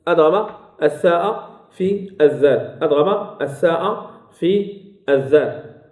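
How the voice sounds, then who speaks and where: A man with a Moroccan accent leads a classroom lesson on recitation rules, his voice pitched high for a man. He says key terms twice and keeps asking his listeners for answers. The room is echoey and roomy. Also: expressive, measured pace, a little mellow. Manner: repeats key phrases and quizzes listeners. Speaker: Quran recitation teacher.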